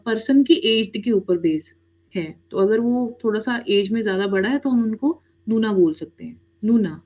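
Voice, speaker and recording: A woman teaches Korean to an online class, calling her students "beta" and checking in often. Her voice sits a little high. The sound is dull and lo-fi. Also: mellow. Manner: addresses students as "beta", frequent "theek hai?" checks; mixes English words into explanations.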